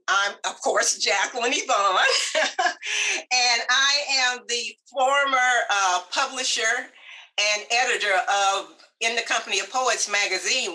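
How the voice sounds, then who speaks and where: A woman's voice: mid-range voice, sharp tone, rough recording. A woman hosting a casual video call, chatty, upbeat and welcoming. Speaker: host.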